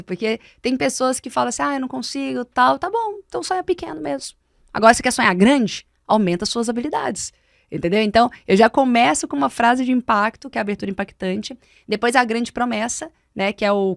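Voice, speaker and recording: A woman's voice: medium pitch, gravelly, dry recording, clean studio sound. A Brazilian woman mentor explaining speaking techniques on a podcast, emphatic and didactic. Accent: Brazilian Portuguese. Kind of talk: podcast conversation. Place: podcast studio.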